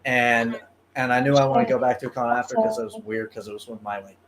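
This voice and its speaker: On a casual podcast, a guest cosplayer in his early twenties talks hesitantly, full of ums and uhs and a little self-deprecating. His medium-pitched voice stays steady and moves quickly over a noisy crowd.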